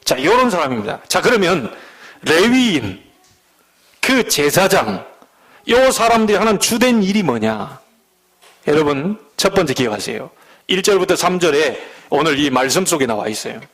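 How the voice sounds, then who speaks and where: A middle-aged man from the Jeolla region preaching a sermon as pastor, folksy, with loud emphatic peaks and low asides. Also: big pitch swings, normal speed. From Jeolla, Korea.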